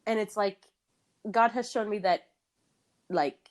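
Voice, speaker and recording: A woman's voice: medium pitch, measured pace, a little mellow. A young woman co-hosting a podcast, talking candidly and with lots of laughter, restarts and fillers. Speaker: podcast co-host. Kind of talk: casual chat.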